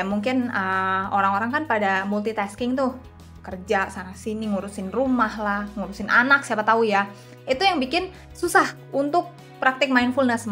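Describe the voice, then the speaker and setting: Young female vlogger, casual chatty delivery straight to viewers, fairly high voice, faint music under her. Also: a bit bright. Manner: chatty, addresses viewers directly. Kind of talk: casual talk to camera. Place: seated indoors at a camera with a lamp. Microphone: camera and phone in front.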